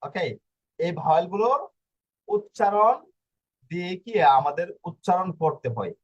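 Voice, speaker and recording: Male tutor, higher voice, patient step-by-step explainer, dull lo-fi recording. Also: lively intonation. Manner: explains slowly, with many fillers and restarts. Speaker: language teacher. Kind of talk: online language lesson.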